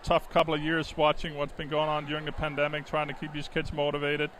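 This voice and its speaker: Slightly high-voiced and quick, this middle-aged native Danish speaker from Denmark calls a swimming race live. His commentary is chatty and explanatory, a bit hesitant, and the rough recording carries steady swim-meet ambience clearly in the background.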